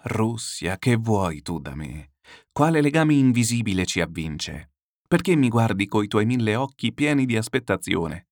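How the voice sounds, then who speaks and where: Deep-voiced man reading solemnly. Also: no room sound, clean studio sound. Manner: declamatory, lyrical, with slow solemn pauses. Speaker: reader. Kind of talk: literary audiobook reading.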